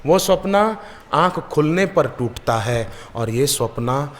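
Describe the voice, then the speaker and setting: A man's voice: a little high, takes it slowly, slight background noise. A male spiritual preacher giving a devotional sermon, telling stories and acting out the people in his anecdotes. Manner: lively storyteller who acts out the people in his anecdotes. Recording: long reverb of a large hall.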